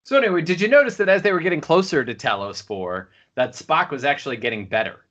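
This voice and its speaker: A podcast co-host chats casually, rambling with plenty of fillers and restarts. His voice is fairly high and fairly bright, animated and fast, though the audio sounds dull.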